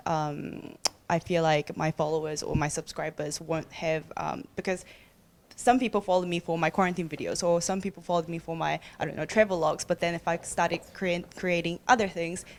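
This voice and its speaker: A woman's voice: on the low side, steady tone, a little fast. A young woman, born in Korea and raised in New Zealand, asks a panel a long, hesitant question full of ums and restarts. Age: young adult. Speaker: student audience member asking a question.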